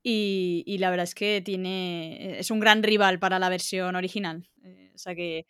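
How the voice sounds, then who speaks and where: A woman interviewing a guest, asking measured questions with small hesitations. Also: lowish voice, steady tone, a bit bright, clear, resonant tone, dry recording, clean studio sound. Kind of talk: casual interview.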